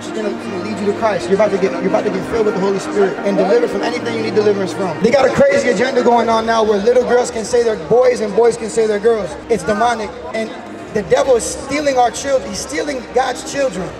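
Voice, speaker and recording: A street preacher in his thirties prays and preaches forcefully in revival style inside a large, busy shopping mall, repeatedly calling out exhortations. He talks fast in a high voice, held far from his handheld mic, with a loud crowd filling the hall.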